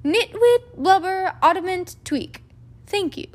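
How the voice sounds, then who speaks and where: A woman's voice: very high-pitched, lively intonation, takes it slowly, pitched above the performer's own voice, full character voice. A woman voicing a jovial, eccentric elderly male headmaster wizard, speaking in a grand, whimsical way.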